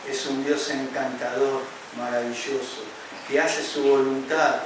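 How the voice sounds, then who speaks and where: A man preaching a sermon as pastor, quoting scripture slowly and emphatically and rising to loud, fervent passages. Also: little pitch movement. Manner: builds to loud, high-pitched fervent preaching; quotes scripture with slow, emphatic delivery. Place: church. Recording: echoey church hall, distant mic, noisy.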